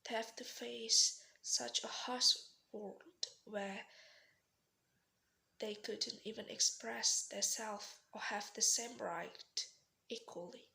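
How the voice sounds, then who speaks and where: A young woman from Indonesia with an Indonesian accent, giving a rehearsed formal speech as a student in earnest, pausing style with slips and restarts. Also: fairly high pitch, fairly even intonation, gravelly, pushed and bright, rough recording. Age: young adult.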